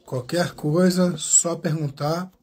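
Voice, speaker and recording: A Brazilian channel host with a Brazilian Portuguese accent runs a live interview stream, chatting casually, thanking viewers by name, and often restarting sentences. His voice is fairly high, slow, fairly even, and somewhat dark, with slight background noise.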